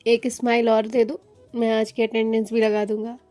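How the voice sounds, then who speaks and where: A woman's voice: fairly high pitch, little pitch movement, normal speed, darkish tone, no echo, faint music behind, natural voice. A woman reading the part of a playful young man imitating a bossy professor in a storybook, mock-stern and teasing.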